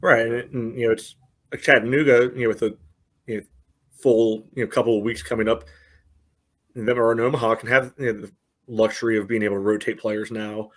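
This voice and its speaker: In a casual sports chat on the soccer podcast he co-hosts, this man reasons hesitantly, packing in filler and leaning hard on "you know." His voice is medium-pitched, steady in tone, and brisk.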